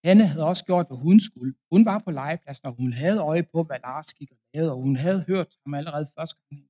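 A man's voice: fairly high pitch, mellow, muffled recording. A man preaching a confirmation sermon in a Danish accent, telling a plain story with fillers and restarts.

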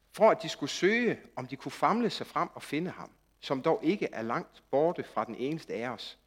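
A man preaching a sermon, moving from quiet, intimate passages to loud, impassioned outbursts. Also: fairly high pitch, husky. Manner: animated, swings from quiet intimacy to loud shouting.

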